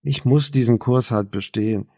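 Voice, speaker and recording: A man's voice: medium pitch, moderate pace, darkish tone, lightly acted. A man voicing an easygoing male art student in an audiobook, casual and apologetic.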